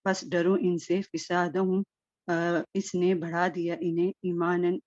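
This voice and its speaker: A woman student reciting a verse and translating it word by word, halting often with fillers. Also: lowish voice, flat delivery, a little mellow, dry recording, highs cut off.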